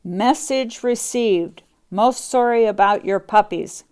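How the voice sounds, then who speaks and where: A woman's voice: mid-range voice, takes it slowly, darkish tone, clear, resonant tone, close to an everyday voice. A woman reading the part of a dutiful, sympathetic male Great Dane in a children's storybook, clipped and formal. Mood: earnest.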